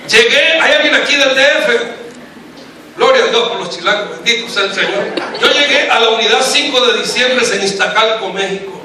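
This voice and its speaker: Man, church testimony, very high voice, animated storytelling, distant mic, big echo. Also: moderate pace. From Nicaragua. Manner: animated storyteller, keeps calling listeners brother, laughing asides. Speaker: preacher giving testimony. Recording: echoey hall, distant mic, faint noise.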